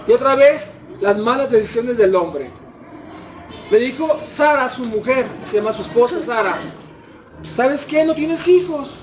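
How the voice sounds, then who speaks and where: A man's voice: very high voice, a little hiss or hum, rough recording. Mexican man preaching a storytelling sermon. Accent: Mexican Spanish. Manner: retells scripture as a lively story and poses rhetorical questions to the congregation.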